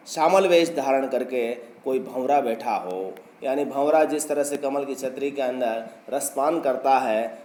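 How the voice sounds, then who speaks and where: A male teacher giving a lecture that explains poetry line by line, reciting the verses slowly. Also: mid-range voice, darkish tone. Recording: roomy echo.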